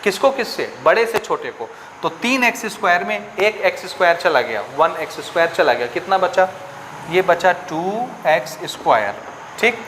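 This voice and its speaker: A man's voice: high voice, sing-song, normal speed, bright, forceful tone, a little hiss or hum. A male maths teacher from India giving a classroom lesson, explaining step by step and often asking whether students have understood. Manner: repetitive, questioning, checks understanding often.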